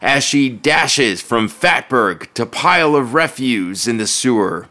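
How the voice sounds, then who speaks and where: A man's voice: medium pitch, animated, slow pace, sharp tone. A man reading a scripted fantasy story as narrator, in a dramatic storytelling style.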